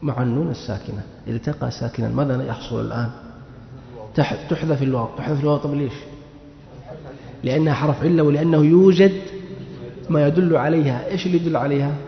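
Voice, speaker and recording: A man's voice: a little high, steady tone, fast, vocal fry. Man, grammar teacher, repeats himself, muffled recording, long hall reverb. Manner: questions and answers himself, repeats key words. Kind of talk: classroom lesson.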